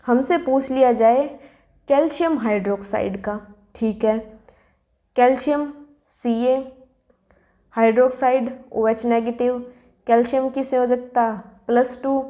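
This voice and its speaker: A woman teaching a chemistry lesson. She poses questions and answers them herself, and she slows down to spell out formulas letter by letter. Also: fairly high pitch, steady tone, dark tone. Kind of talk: classroom lesson explanation.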